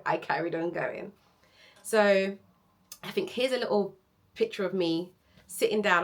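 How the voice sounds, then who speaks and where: A woman telling a story casually to viewers as a running vlogger, animated and candid, acting out what people said. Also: medium pitch. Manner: animated, candid, acts out quoted speech.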